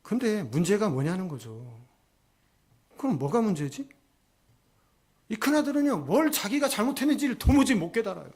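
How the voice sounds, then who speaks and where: A man's voice: sits high, big pitch swings, normal speed, pauses often, darkish tone, husky. A male pastor preaching a sermon, retelling a story and asking his congregation questions.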